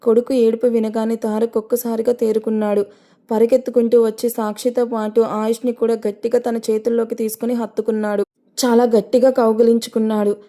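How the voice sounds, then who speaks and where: A woman narrating a dramatic audio story in a measured, storytelling manner. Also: on the high side, flat delivery, mellow.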